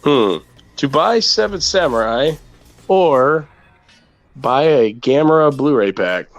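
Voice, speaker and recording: A man's voice: medium pitch, animated, slow, highs cut off, faint music behind. A man co-hosting a casual gaming chat, rambling and thinking aloud as he talks. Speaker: co-host.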